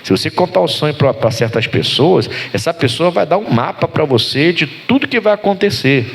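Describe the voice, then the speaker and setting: Animated pastor preaching a sermon. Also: male voice, normal speed, vocal fry. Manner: animated preacher, rising pitch for emphasis, asks the congregation for amens.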